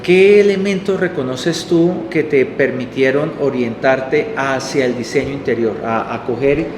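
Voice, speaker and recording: A man's voice: medium pitch, measured pace, noisy background. Hesitant male interviewer in an echoey hall. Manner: hesitant, many fillers. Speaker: interviewer, lecturer. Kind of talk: hosted interview.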